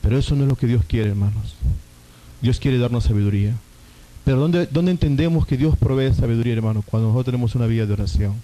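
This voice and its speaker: A man's voice: medium pitch, quick pace, warm tone, poor audio. A man, a pastor, preaching a sermon and telling a personal testimony, often calling his listeners brothers.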